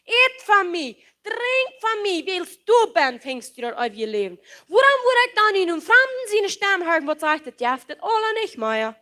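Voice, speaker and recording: High, bright-voiced woman preaching. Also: very animated, normal speed, few pauses. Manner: impassioned, emphatic preaching with repeated phrases; mixes English words into her speech. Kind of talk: sermon.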